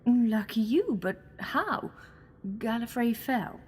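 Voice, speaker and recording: A woman's voice: on the high side, animated, slow pace, a little mellow, husky, heavily acted. A woman acting in an audio drama as a sly, mocking alien villainess posing as a goddess, theatrical and taunting. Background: music.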